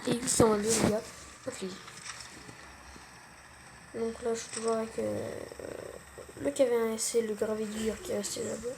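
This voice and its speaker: A woman's voice: on the high side, steady tone, normal speed, gravelly, long pauses, noisy background. A young woman giving casual, self-mocking gameplay commentary, full of gamer slang. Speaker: gaming channel host.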